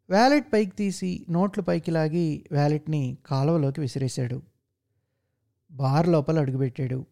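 A man reading a story aloud as narrator, in a measured, steady way. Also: fairly high pitch.

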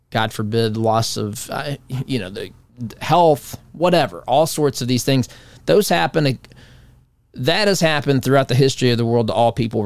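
A man in his forties hosts a talk show, wandering through his thoughts in a loose, conversational way and often restarting sentences. His voice sits in an ordinary middle pitch. It is recorded close and dry, with no room sound. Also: dry recording. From United States. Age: 40s. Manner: rambling, conversational, many restarts. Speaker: radio talk show host. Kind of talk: casual monologue.

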